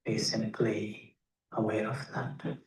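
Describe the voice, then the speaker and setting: Heard at a distance with plenty of room echo, a man guides a meditation in a fairly low, level voice. Like a teacher giving instructions one step at a time, he keeps a slow, measured pace and pauses between short phrases.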